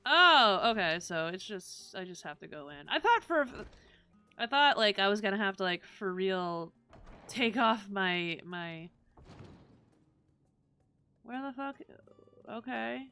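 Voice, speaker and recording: Southern woman streamer, bright smooth voice, faint game music, chatty and loose with swearing. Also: medium pitch, animated, slow, long pauses. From Southern United States. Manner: chatty, swears freely, reads game dialogue aloud. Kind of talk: casual gaming stream chat.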